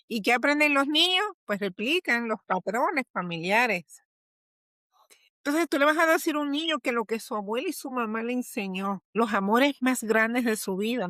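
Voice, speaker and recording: A woman's voice: a little high, a bit bright, no room sound, clean studio sound. A woman guest and teacher explaining language in an interview, in a didactic manner full of rhetorical questions.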